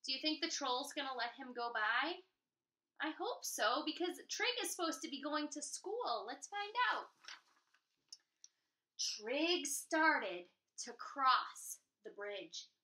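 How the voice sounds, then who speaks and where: Teacher lady doing storytime, slow, bright and singsongy, echoey room a bit off-mic. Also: high voice, far from the mic. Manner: animated, asks the children questions. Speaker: teacher reading aloud. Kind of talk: children's storytime read-aloud.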